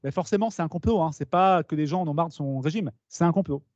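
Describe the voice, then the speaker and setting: A man giving a lively conference talk to students, explaining with asides and questions to the audience. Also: a little high, fast, dry recording. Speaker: speaker at a talk. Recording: dull, slightly lo-fi meeting recording.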